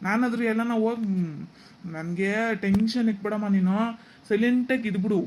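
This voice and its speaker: A man's voice: sits high, a little fast, a little mellow, slight background noise, lightly acted. A man voicing a grown son in a cartoon story, firm and dismissive toward his mother. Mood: angry. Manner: firm, dismissive, growing angry. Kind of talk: cartoon dubbing.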